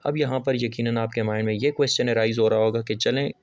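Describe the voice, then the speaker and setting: A man teaching an English grammar lesson on video. He explains step by step, asks his viewers questions and answers them himself, and reads definitions slowly. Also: medium pitch, fairly even intonation. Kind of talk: classroom-style video lesson.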